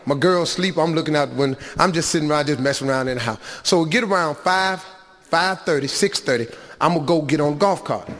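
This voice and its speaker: A middle-aged man doing stand-up comedy, telling a story in an animated, loud, rambling way. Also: fairly high pitch, quick pace, in a large hall. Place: comedy club stage.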